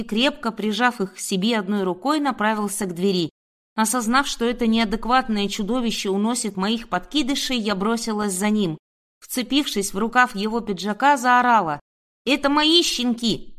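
A woman reading a first-person audiobook in a steady, measured manner. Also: on the high side. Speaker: audiobook narrator. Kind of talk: first-person scripted narration.

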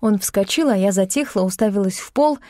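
A woman narrating a first-person novel as an audiobook, calm, wry and even-paced. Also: mid-range voice, fairly quick, no room sound. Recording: dry close studio sound.

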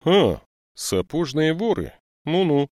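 A man's voice: fairly high pitch, big pitch swings, takes it slowly, darkish tone, no echo, clean studio sound, voice pushed up. A man voicing a strict, stocky woman police lieutenant in an audiobook, scolding and lecturing young thieves. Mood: stern. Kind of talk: audiobook character voice.

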